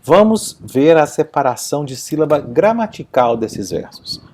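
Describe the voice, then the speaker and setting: A man's voice: on the high side, big pitch swings, unhurried, a little mellow, husky. A man teaching a video lesson, explaining step by step and often checking in with his listeners.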